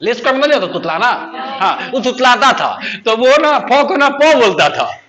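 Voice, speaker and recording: Guy teaching english, really high bright voice, laughs a lot, keeps asking the class questions. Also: very animated, normal speed, dull audio. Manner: playful, laughs often, quizzes students with repeated questions. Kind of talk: joking classroom lesson.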